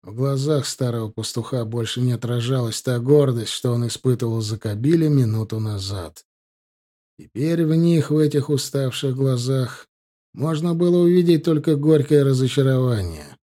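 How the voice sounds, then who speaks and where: A man narrating a story in a steady, dramatic way, as in an audiobook. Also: medium pitch, normal speed.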